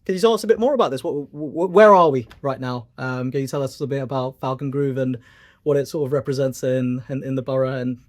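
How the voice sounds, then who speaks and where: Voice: mid-range voice, steady tone, quick pace, darkish tone, no room sound. A podcast host who works as a recruiter, asking questions in a friendly, casual way and often stumbling over the words. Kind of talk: podcast interview.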